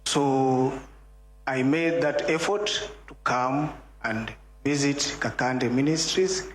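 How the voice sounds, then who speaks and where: A man slowly giving a church testimony to the congregation, deliberate and growing joyful. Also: medium pitch. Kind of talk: slow spoken testimony to a congregation. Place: large echoing church hall. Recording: echoey church hall with crowd noise.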